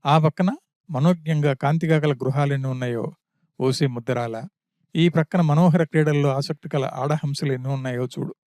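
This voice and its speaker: A man voicing an arrogant demon king who boasts and coaxes a captive, read in an even storytelling tone. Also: a little high, normal speed, dry recording, clean studio sound, lightly acted. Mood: boastful.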